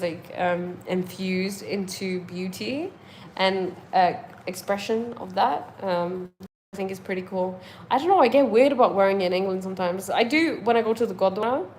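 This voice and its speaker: Young woman, casual vlog chat, loose and rambling, full of fillers; mid-pitched voice, faint room noise. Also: a little mellow, rough recording. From India. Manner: rambling, with many fillers and restarts. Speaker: vlogger.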